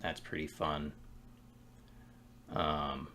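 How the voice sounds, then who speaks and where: A man streaming game development, thinking aloud in a relaxed, musing way as he works at his computer. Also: rumbling low, a little hiss or hum. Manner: relaxed, musing, talks to himself between pauses. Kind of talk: casual thinking-aloud commentary while working.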